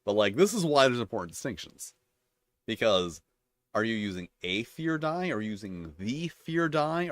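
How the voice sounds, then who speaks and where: A man's voice: lowish voice, fairly bright tone, no echo. A man hosting his channel, reading tabletop game rules aloud and breaking off into chatty, rambling asides. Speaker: channel host reviewing tabletop games.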